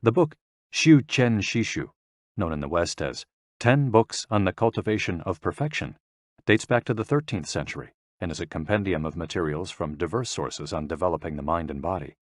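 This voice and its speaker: A man narrating a nonfiction audiobook in a calm, measured reading of instructions and explanations. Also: deep voice, no echo, studio quality.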